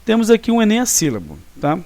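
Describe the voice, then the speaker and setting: A teacher from Brazil giving a recorded lesson, explaining patiently and stopping often to check that students follow. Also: male voice, high-pitched, huge pitch swings, darkish tone, no echo. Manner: explanatory, checks understanding with frequent tag questions; counts syllables slowly and deliberately.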